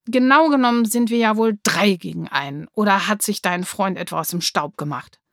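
A woman's voice: medium pitch, a little fast, dry recording, close to an everyday voice. Lady doing a feisty bossy schoolgirl, impatient and cheeky, storybook reading, dry sound. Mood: challenging. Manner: challenging, impatient. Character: bold, fiery schoolgirl, bossy and challenging.

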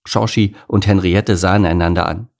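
A man narrating a children's animal story as an audiobook, reading lively and expressively. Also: deep voice, normal speed, creaky.

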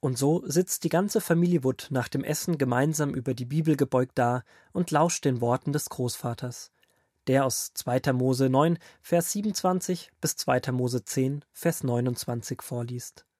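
A man narrating as a grandfather figure, reading a Bible story aloud in a calm storytelling manner for a children's audio drama. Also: medium pitch, normal speed, dry recording, clean studio sound, close to an everyday voice.

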